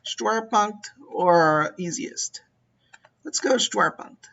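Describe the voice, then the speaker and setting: A man's voice: high-pitched, very slow, gravelly, a bit bright, highs cut off. A man giving casual, musing commentary on a strategy game and talking to his units as he plays. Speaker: gameplay commentator.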